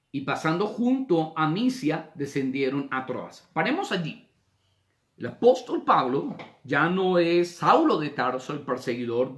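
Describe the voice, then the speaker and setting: A man, a pastor, preaching a sermon, asking rhetorical questions and moving between loud emphasis and soft, low lines. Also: reverberant.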